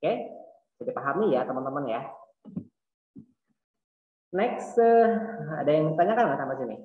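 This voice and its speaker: A man with an Indonesian accent teaching a Mandarin class online, explaining patiently and repeating words slowly. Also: a little high, sing-song. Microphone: video call. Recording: echoey tinny online call audio.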